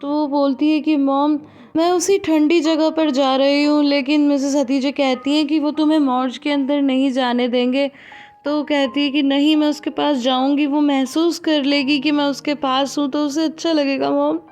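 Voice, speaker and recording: A woman's voice: high-pitched, level tone, normal speed, darkish tone, faint music behind. A woman hosting a drama recap, retelling the story in a casual, conversational way and speaking directly to viewers.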